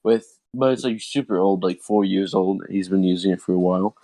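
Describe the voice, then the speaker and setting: Co-hosting a casual podcast, a teenage boy tells a rambling story full of swearing and laughter, his voice cracking often. He speaks a little fast in a low voice, with a loud crowd around him and poor audio quality.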